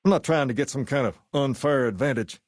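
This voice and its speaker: An actor playing an easygoing, self-assured gang leader styled as a rock-and-roll king in a video game, with folksy, colloquial, measured delivery. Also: medium pitch, darkish tone, no room sound, studio quality, natural voice. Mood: businesslike, confiding. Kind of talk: scripted game character dialogue.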